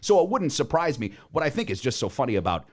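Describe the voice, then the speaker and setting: An American man hosts a casual podcast and holds forth with strong opinions. His pitch swings widely as he builds each point. He leans into emphatic asides. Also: very animated, quick pace, darkish tone. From United States. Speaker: podcast host.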